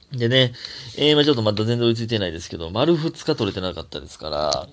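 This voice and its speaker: A young man with a Kansai accent, a comedian chatting solo on his own show, his throat a little hoarse and his voice jumping up high when he gets excited. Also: fairly quick, slight background noise. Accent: Kansai Japanese. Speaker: comedian podcast host. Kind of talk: casual solo talk.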